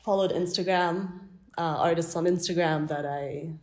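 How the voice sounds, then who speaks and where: Young woman, from France, low voice, relaxed storytelling, gallery interview. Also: normal speed. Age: young adult. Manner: relaxed storytelling with light laughs. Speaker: artist guest. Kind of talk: interview answers. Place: art gallery, indoors.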